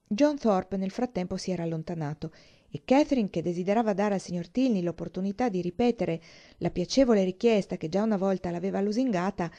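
A woman reading a classic novel aloud with expressive storytelling. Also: mid-range voice, a little fast, lo-fi sound. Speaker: reader.

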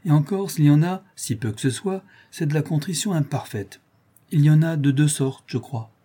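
A man's voice: a little high, normal speed, warm tone, slightly rough, pitched above the performer's own voice. A man voicing a young husband and father who teases in a light, mocking, casual tone.

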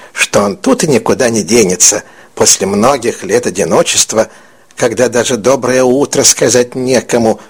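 Expressive male audiobook narrator. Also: mid-range voice, breathy edge. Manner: expressive, melodic storytelling. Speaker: audiobook reader.

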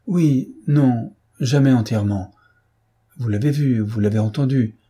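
A man's voice: mid-range voice, measured pace, warm tone, breathy edge. A male reader voicing a heartbroken young woman in an audiobook, speaking in anguished, impassioned outbursts.

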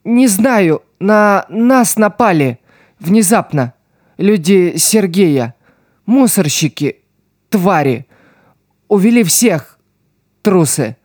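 A man reading an audiobook voices a wounded, tough street girl who speaks weakly and slowly. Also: high-pitched, lively intonation, a little mellow, no echo, clean studio sound, pitched above the performer's own voice, full character voice. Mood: weak, resigned. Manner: weak, slow, strained speech.

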